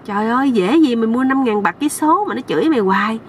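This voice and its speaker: Know-it-all older village man with a Southern Vietnamese accent, pitched a bit high and loud, as a woman storyteller puts him on; slightly distant mic. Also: animated, fast talker, slight background noise, close to an everyday voice. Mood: lecturing. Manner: bossy, know-it-all lecturing.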